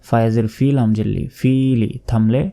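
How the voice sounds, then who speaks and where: A man with a mellow, dark voice teaches Quran recitation, breaking each word into its letters and vowel marks. He drills slowly and patiently, pointing out where learners usually go wrong. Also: mid-range voice, level tone, gravelly. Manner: slow, letter-by-letter drilling and correcting common mistakes. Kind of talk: spelled-out Quran pronunciation lesson.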